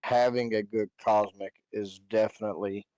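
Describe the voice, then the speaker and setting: A man in a casual game-stream chat, talking haltingly and searching for his words. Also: on the low side, fairly even intonation, a little mellow, clear, resonant tone, no room sound, rough recording. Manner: slow, hesitant, searches for words. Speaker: guest co-streamer.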